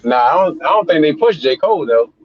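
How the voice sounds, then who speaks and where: A man's voice: fairly high pitch, animated, fast talker, muffled recording, a crowd in the background. A man co-hosting a podcast over a call, talking in laid-back slang and often agreeing. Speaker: podcast co-host. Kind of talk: casual podcast discussion. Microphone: remote call.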